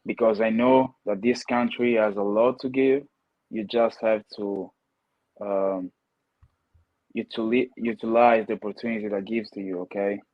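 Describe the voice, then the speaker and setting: In a muffled recording with no room sound, a young adult guest answers casual interview questions earnestly, frequently adding "okay?" and restarting words. He's from Italy and speaks with a heavy Italian accent, though his first language is a Ghanaian language. His voice is fairly low, fairly even in intonation, and a little slow.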